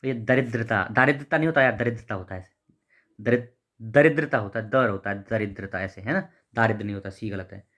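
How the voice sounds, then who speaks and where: A man's voice: on the low side, fairly quick, a bit bright. A man teaching, reading out each exam question and its options, then correcting the wrong ones with informal, repetitive explanations. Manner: informal, repeats words, reads out options and corrects them. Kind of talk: explaining test answers.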